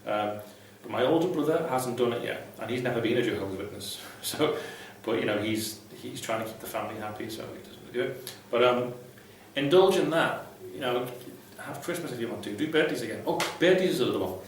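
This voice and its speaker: Offering unscripted, foul-mouthed, irreverent advice, this ex-Jehovah's Witness vlogger speaks at medium pitch with an expressive, brisk delivery and barely any pauses. The audio comes from a distant mic in a very echoey room, with faint noise.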